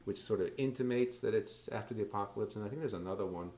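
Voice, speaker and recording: A man's voice: on the low side, fast talker, warm tone, echoey room. A man casually explaining his pinball machines in an easygoing, knowledgeable way. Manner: easygoing, knowledgeable, hesitant fillers. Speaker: pinball collector. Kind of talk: casual chat.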